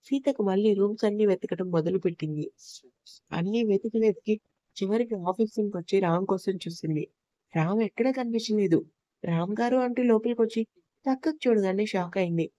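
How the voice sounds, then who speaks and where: A woman narrating an audio love story in a steady, even storytelling manner. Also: medium pitch, no room sound.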